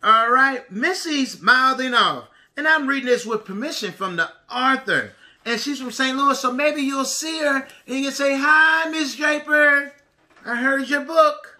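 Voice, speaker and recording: High, bright woman teacher reading to young children. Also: moderate pace. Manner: reading to young children, asking and answering simple questions. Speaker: pre-kindergarten teacher. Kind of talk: read-aloud lesson for small children.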